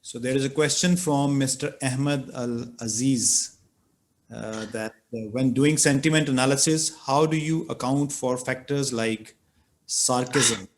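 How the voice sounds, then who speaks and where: A middle-aged man from Pakistan chairs a conference Q&A over a video call, speaking into a laptop mic. His mid-range voice is measured, sprinkled with fillers and repeated phrases.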